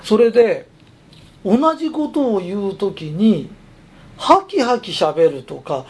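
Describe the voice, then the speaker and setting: A man's voice: high-pitched, big pitch swings, slow pace, a little mellow, husky. A man who runs a company, giving a chatty, emphatic motivational talk. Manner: chatty, emphatic, persuasive storytelling. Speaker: company president.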